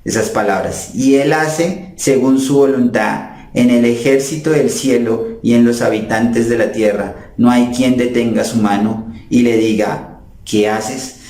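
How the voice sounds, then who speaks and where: A man's voice: mid-range voice, steady tone, measured pace, darkish tone. A man preaching a sermon in an earnest way, addressing his listeners as brothers and sisters. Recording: roomy echo.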